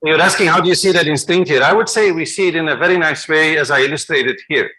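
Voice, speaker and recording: A man's voice: on the high side, pushed and bright, poor audio. A man speaker answering audience questions at an academic workshop, thinking aloud and checking in with "okay?".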